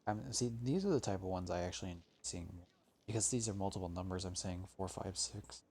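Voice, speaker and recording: A man's voice: low-pitched, a little fast, darkish tone, a little hiss or hum. A man streaming a game, thinking aloud and grumbling with frequent swearing. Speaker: gaming streamer. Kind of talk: casual gameplay commentary.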